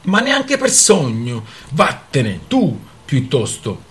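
A man voicing a defiant young woman who snaps back at her uncle in a raised, sharp tone. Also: huge pitch swings, slow pace, heavily acted. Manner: high, sharp retorts.

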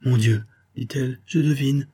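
A man's voice: medium pitch, steady tone, moderate pace, dark tone, breathy edge, pitched above the performer's own voice, close to an everyday voice. A man voicing a loving, earnest young woman in a raised, tender voice.

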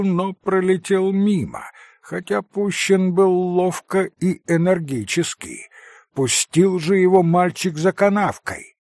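A male audiobook narrator reading slowly and deliberately, with a gravelly texture. His pitch sits a little high and moves a lot, and the sound is close and dry. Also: a little mellow, dry recording.

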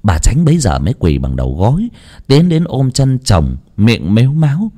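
A man narrating a dramatic story in an expressive, theatrical way. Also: fairly low pitch, moderate pace.

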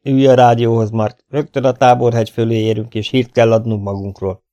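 A man voices a calm, commanding spaceship captain in a mid-range voice, pitched above his own but still close to an everyday voice. The recording is dry, with clean studio sound.

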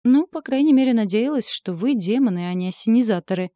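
A woman's voice: mid-range voice, expressive, normal speed, darkish tone, no echo, studio quality, natural voice. Woman voicing a defiant young heroine. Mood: sarcastic. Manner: snappy, defiant retorts. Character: sharp-tongued young heroine, defiant and flustered.

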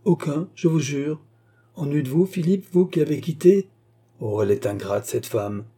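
A man's voice: fairly high pitch, normal speed, warm tone, slightly rough, voice pushed up. A man reading aloud voices a proud young noblewoman who speaks coldly and firmly. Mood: bitter. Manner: cold, resolute, bitter.

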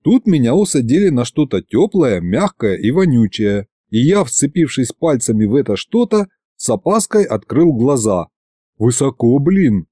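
A man narrating an audiobook in a chatty, lively storytelling manner. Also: mid-range voice, normal speed, breathy edge, no echo, studio quality.

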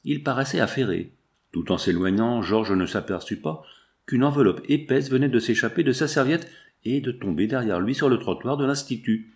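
A man reading a novel aloud in a steady, expressive way. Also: medium pitch, moderate pace. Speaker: audiobook narrator.

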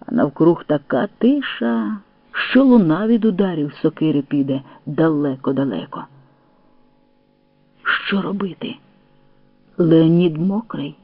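A man reading a first-person story aloud as an audiobook narrator, in a steady storytelling manner. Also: fairly high pitch, no room sound. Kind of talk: scripted narration. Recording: tinny phone-like dry sound.

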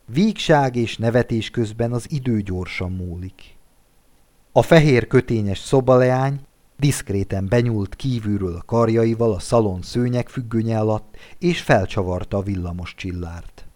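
A man narrating a classic tale in a measured, calm manner. His voice sits on the low side. The reading is steady and unhurried. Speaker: audiobook reader. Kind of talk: scripted narration.

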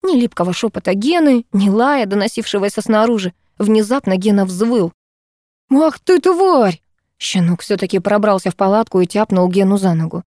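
A woman narrating a first-person novel aloud on a close mic, in a steady, absorbed storytelling manner. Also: mid-range voice, fairly quick, few pauses, no room sound. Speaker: audiobook narrator.

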